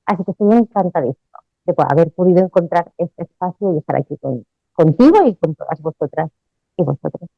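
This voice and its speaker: A woman's voice: fairly low pitch, lively intonation, brisk, vocal fry, no room sound, narrow, tinny audio. A woman from Spain, a dance mantra teacher speaking reflectively as an interview guest, laughing easily. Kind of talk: interview conversation.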